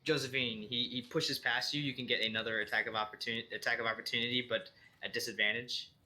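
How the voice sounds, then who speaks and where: A man narrating a tabletop role-playing game as dungeon master, relaxed and full of fillers and restarts. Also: medium pitch, fast talker.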